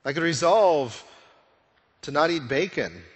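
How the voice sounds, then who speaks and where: A man's voice: on the high side, big pitch swings, unhurried. A male pastor preaching a conversational sermon, full of rhetorical questions. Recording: long reverb of a church hall.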